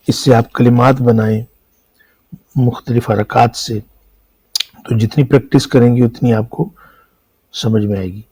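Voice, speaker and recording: A man's voice: medium pitch, warm tone, slightly rough, no room sound, rough recording. A man with a Pakistani Urdu accent teaching an Arabic lesson, explaining patiently and asking and answering his own questions. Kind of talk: classroom lecture explaining script.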